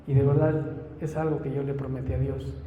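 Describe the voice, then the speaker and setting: A man's voice: mid-range voice, flat delivery, a little fast, lo-fi sound, music in the background. A man with a Mexican Spanish accent, a pastor preaching an earnest sermon and telling a personal testimony, acting out the dialogue of his story. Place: church hall. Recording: echoey church hall, faint ambience.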